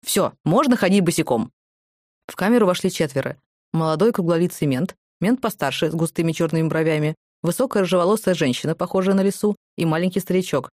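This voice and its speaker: Female audiobook narrator, lowish voice, dry close sound. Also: fast talker, a little mellow, dry recording.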